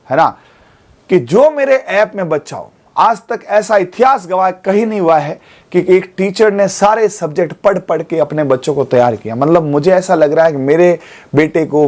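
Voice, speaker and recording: Man in his 40s, high voice, coaching lecture in a studio, keeps checking with students. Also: moderate pace, darkish tone. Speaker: teacher. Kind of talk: exam coaching class lecture. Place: studio classroom.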